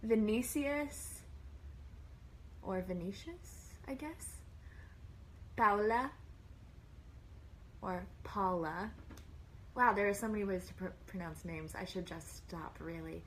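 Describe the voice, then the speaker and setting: A woman's voice: fairly low pitch, fairly quick, few pauses, slight background noise, poor audio. A woman hosting a casual live stream from a plain room, chatting and greeting viewers one by one by name.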